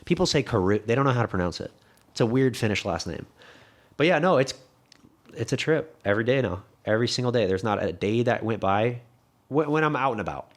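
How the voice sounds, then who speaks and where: A man's voice: mid-range voice, expressive, fairly quick. A young man with a slight lisp, a podcast guest talking casually and rambling, with lots of swearing and restarts. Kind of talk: casual conversation.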